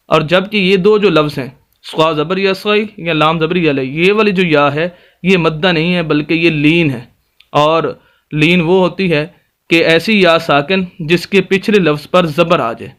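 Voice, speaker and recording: A man teaching Quran reading in a step-by-step recitation lesson, patiently explaining and then slowly spelling out letters and vowel marks. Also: fairly high pitch, fairly bright tone. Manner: patient explanatory tone, addresses viewers politely.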